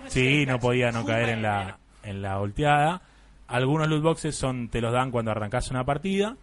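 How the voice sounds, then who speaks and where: A man's voice: medium pitch, animated, normal speed, a crowd in the background. A young man with an Argentine accent, hosting a casual game review chat and rambling a bit as he talks. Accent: Argentine Spanish. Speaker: podcast host reviewing games.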